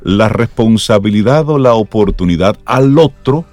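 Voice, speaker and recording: Low-voiced male co-host, dry and close. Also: lively intonation, normal speed, a little mellow, no room sound, soft background music. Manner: sums up and wraps segments. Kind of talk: casual talk show chat.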